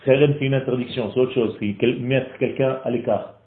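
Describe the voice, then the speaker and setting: Animated teacher in an echoey room. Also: male voice, mid-range voice, brisk. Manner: animated, asks the group questions, teasing. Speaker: Torah teacher. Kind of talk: lively classroom teaching. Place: classroom in Israel. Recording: echoey room on a tinny phone-like recording.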